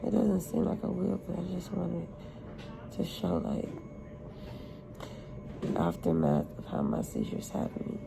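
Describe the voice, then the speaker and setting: A woman vlogging from a hospital room, sounding weak and drowsy from medication, talking in a halting way with a gravelly voice. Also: lowish voice, wildly swooping pitch, noisy background. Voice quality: gravelly, creaky. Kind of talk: personal vlog to camera.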